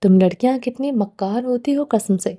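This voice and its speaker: A woman's voice: a little high, dark tone, close to an everyday voice. A woman reading the part of a menacing, short-tempered young man in a storybook, in a cold, commanding way.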